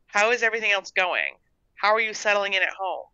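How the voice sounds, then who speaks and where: A woman reading a story and voicing a schoolteacher who speaks gently but firmly, on a dull, dry recording. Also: mid-range voice, fairly quick, clear, resonant tone, no room sound, pitched above the performer's own voice, close to an everyday voice. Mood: gentle. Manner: gentle but firm, reassuring.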